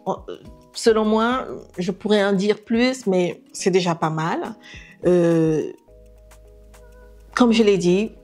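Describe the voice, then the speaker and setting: A middle-aged woman talks to her viewers in an earnest, unscripted way, often pausing and restarting. Her voice is mellow and warm. Faint music plays under her. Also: medium pitch. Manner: earnest, many fillers and restarts. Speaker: interior decorator vlogger. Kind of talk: unscripted talk to camera.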